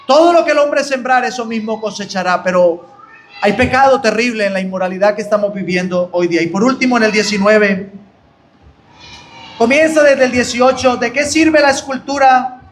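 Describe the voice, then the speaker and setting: A man's voice: very high voice, moderate pace, a little hiss or hum. A man with a Colombian accent, preaching a fervent Bible study sermon to his brethren. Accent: Colombian Spanish. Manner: fervent preaching, rising on exclamations, addressing "hermanos".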